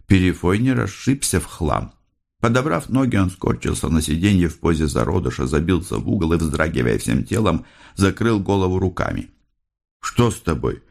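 A man narrating an audiobook in an expressive, dramatic reading. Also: low-pitched, creaky.

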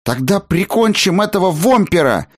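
A man voicing an eager teenage dragon boy in a storybook reading, pushing his voice up high. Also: big pitch swings, normal speed, no echo, clean studio sound.

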